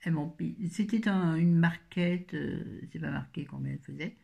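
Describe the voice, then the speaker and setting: A woman's voice: low voice, moderate pace, creaky, warm tone, a little hiss or hum. A woman in her fifties chatting casually through a grocery haul, rambling with self-mocking asides. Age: 50s. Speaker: vlogger.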